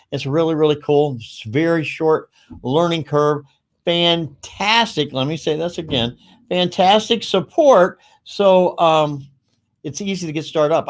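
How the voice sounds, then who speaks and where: A man hosting a casual livestream, talking in a rambling, upbeat way with quick asides. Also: a little high. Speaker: livestream host.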